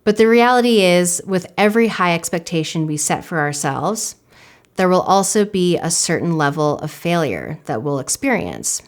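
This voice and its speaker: A woman teaching an online climbing course, explaining mental blocks in a calm, reflective and encouraging way. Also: fairly low pitch, moderate pace. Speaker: climbing coach. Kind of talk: instructional course narration.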